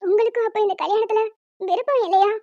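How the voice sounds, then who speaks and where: A woman's voice: extremely high pitch, quick pace, mellow, no room sound, dull audio, pitched above the performer's own voice. A woman voicing a tearful, apologetic young bride in a cartoon, with a small pleading voice. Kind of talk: cartoon voice acting.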